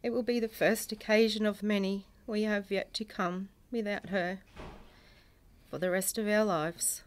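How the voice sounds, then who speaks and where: A middle-aged woman, a bereaved mother reading a prepared personal statement in a solemn, measured way, in grief. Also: medium pitch, steady tone. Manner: solemn, measured delivery in short phrases. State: grieving.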